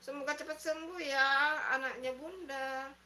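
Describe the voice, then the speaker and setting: A woman's voice: sits high, steady tone, normal speed, sharp tone, slight background noise. A middle-aged woman with an Indonesian accent, hosting a casual live stream and chatting in a motherly way as she reads viewers' comments. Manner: motherly, chatty, repeats herself while reading comments. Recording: echoey room.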